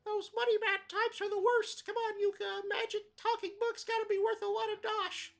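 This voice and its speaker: A man voicing an excitable, bossy female bat sidekick from a video game in a shrill falsetto. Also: normal speed, gravelly, full character voice. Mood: brash.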